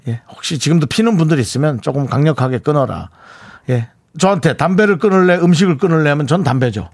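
A male radio host with a rough, gravelly, slightly husky voice. His pitch rises and falls freely and he speaks casually with plenty of fillers. He sounds relaxed in the studio. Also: no echo. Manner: easygoing, drawn-out pauses, many fillers. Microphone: studio microphone.

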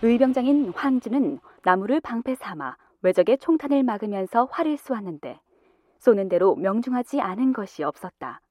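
A woman's voice: a little high, lively intonation, a little fast, no room sound, highs cut off. A woman reading scripted narration for a historical drama.

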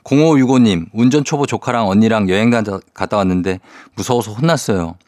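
A man hosting a morning radio show from a dry, close studio mic. His voice sits on the low side. He reads listener messages and chats back with quick asides. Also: a little mellow, no echo. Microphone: studio microphone.

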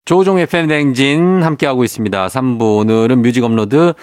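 Man, mid-pitched, radio host, friendly, introduces songs, dry close mic. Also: fairly quick, a little mellow, no room sound. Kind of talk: radio music talk.

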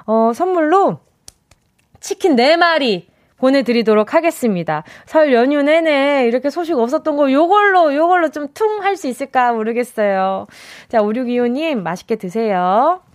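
Chatty high-voiced woman radio DJ. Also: darkish tone, no room sound, clean studio sound. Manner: chatty, playful, teasing. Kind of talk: radio show with listener messages and call-in. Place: radio studio. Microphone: close studio mic.

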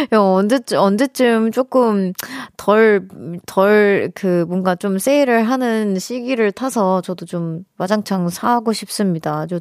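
Chatty woman radio DJ, lively voice. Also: mid-range voice, no room sound, clean studio sound. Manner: chatty and warm-humored, laughing often, with hesitations. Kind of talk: casual radio chat reading listener messages.

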